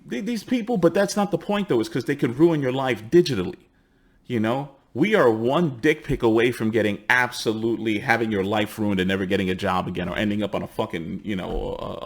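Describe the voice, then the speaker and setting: A man in his forties with a New York accent, from the Bronx, hosting a heated, swear-filled commentary and acting out the people he quotes. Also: medium pitch. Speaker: host. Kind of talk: profane ranting commentary.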